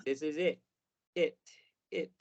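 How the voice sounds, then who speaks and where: A man's voice: fairly high pitch, steady tone, creaky, a little mellow. Patient male English teacher, lo-fi. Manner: patient, models words slowly and repeats them. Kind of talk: pronunciation lesson.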